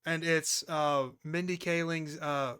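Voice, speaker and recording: A man's voice: on the high side, fairly even intonation, slow, bright, forceful tone, smooth, dry recording, studio quality. A man playing as a quiz contestant, chatting casually, thinking aloud and swearing freely.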